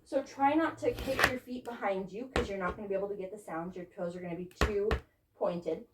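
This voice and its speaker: A woman's voice: mid-range voice, brisk. A woman teaching a tap dance step, encouraging her students and counting beats aloud, a bit out of breath from dancing. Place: dance studio. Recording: echoey studio with loud background noise. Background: tap shoe clicks.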